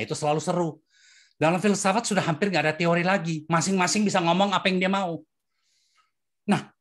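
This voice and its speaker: Indonesian preacher doing a chatty sermon, keeps asking everyone "right?", voice jumps up and down a lot. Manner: swings between high and low pitch. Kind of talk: conversational sermon.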